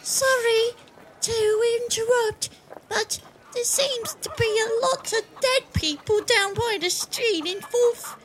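A woman putting on a squeaky timid peasant. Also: takes it slowly, fairly bright tone, faint music behind, exaggerated voice. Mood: pleading. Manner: hesitant, pleading. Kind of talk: improvised comedy scene.

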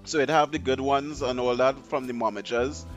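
A man's voice: mid-range voice, fairly even intonation, moderate pace, highs cut off, soft background music. A man hosting a solo podcast, ranting bluntly and rambling through his opinions. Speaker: podcast host.

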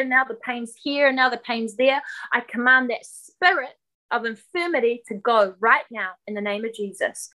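A woman leading a deliverance prayer, speaking in forceful, repetitive commands. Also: a little high, rough recording.

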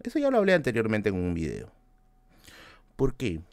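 Animated Peruvian man, wildly swinging pitch. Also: moderate pace, no echo. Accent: Peruvian Spanish. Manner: animated, swings from loud to hushed asides, swears casually. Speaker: book-collecting channel host. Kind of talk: casual storytelling to camera.

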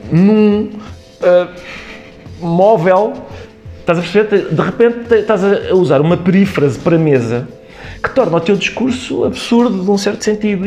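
Interviewed conversationally, a Portuguese comedian from Europe explains his thinking with examples and quoted asides. His voice is high-pitched and somewhat dark in tone.

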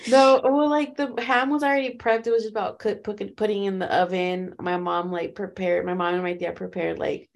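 A woman co-hosts a casual podcast in an easy, chatty way, with plenty of fillers and laughs. Her voice has a gravelly, creaky edge at a middle pitch. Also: normal speed, hardly any pauses. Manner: relaxed, laughing, full of fillers. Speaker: podcast co-host. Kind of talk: casual chat. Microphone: remote call.

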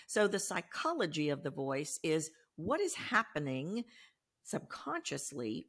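Speaking in a low voice, this voice coach from Texas talks about her job on a podcast. Her Texan accent comes through as she explains things in a lively, emphatic manner.

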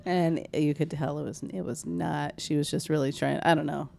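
A woman's voice: sits low, fairly even intonation, normal speed, creaky, crowd noise. A woman chatting casually on a podcast, teasing and blunt.

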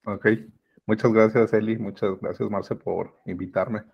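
Mexican guest, gravelly low voice, reflective and halting, dull lo-fi sound. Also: male voice, fairly even intonation. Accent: Mexican Spanish. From Mexico City. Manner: reflective, hesitant with fillers. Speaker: podcast guest, business mentor. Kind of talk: casual conversation.

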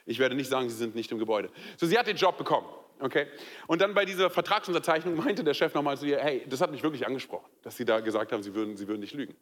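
A young man from Germany preaching a sermon in a lively, conversational way, full of fillers and direct questions to the listeners. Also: mid-range voice, very fast. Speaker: pastor. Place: church hall. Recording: long hall reverb.

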